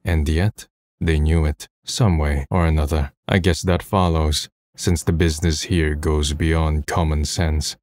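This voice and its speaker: In clean studio sound with no room sound, a man with a very deep, darkish voice narrates a little slowly, his intonation fairly even. He portrays a gloomy, self-deprecating twenty-year-old telling his own story in scripted first person, subdued and resigned, over background music.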